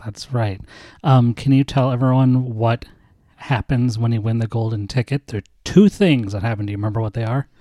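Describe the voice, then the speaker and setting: A man's voice: mid-range voice, fairly quick, dark tone, no echo, studio quality. A man with an American accent, a father hosting a casual chat and patiently quizzing his child with leading questions. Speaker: podcast host and father.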